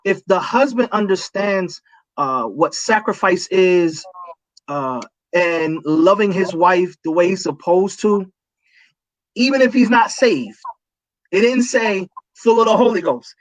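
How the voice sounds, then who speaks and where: A man's voice: sits high, lively intonation, slow pace, no room sound, low-quality recording. A man speaking as a pastor in a casual livestream talk, preachy and emphatic, repeating his key points.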